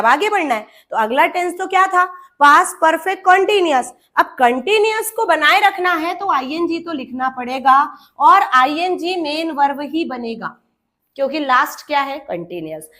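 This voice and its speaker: A woman's voice: sits high, fairly bright tone. A woman teaching English grammar to students. She calls them "beta" and acts out little dialogues between grammar words. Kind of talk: classroom lesson.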